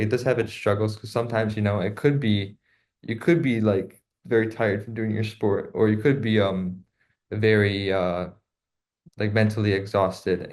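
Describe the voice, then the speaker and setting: A young man, a student co-host in casual talk, relaxed and full of fillers. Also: lowish voice. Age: young adult. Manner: relaxed, many fillers like 'um' and 'you know'. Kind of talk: casual podcast conversation.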